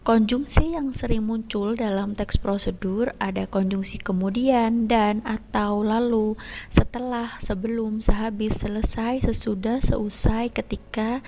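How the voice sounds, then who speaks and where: A woman teacher explaining a lesson step by step and addressing her students directly, her voice often trailing into a soft whisper. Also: on the high side, fairly even intonation, unhurried. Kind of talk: recorded classroom lesson. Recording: lo-fi dull recording.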